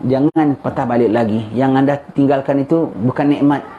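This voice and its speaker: A man's voice: mid-range voice, a little fast. A man teaching a live religious lecture, repeating phrases and prompting his listeners with "ya" and "ha?". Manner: repeats phrases, tag "ya" and "ha?" to the audience. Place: gathering with children present. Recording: muffled lecture recording with faint hiss.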